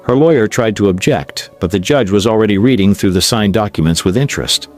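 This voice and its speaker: A man narrating a drama story in a measured, expressive way. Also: lowish voice. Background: faint music.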